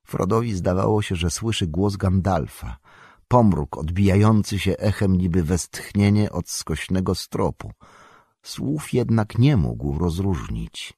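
A man reading an epic fantasy audiobook with dramatic, measured storytelling. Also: sits low, expressive, mellow, breathy edge, dry recording, clean studio sound. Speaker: audiobook narrator. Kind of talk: scripted narration.

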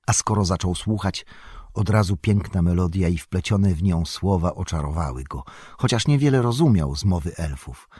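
Low husky male narrator. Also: animated, normal speed, warm tone, dry recording, studio quality. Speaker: audiobook narrator. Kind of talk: scripted narration.

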